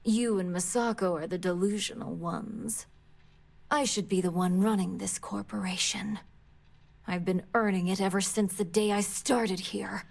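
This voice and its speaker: An actress playing a classy, bitter corporate villainess in a video game, with a smooth, sinister and contemptuous delivery. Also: female voice, medium pitch, fairly even intonation, measured pace, darkish tone. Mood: resentful, cold. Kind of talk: video game character acting.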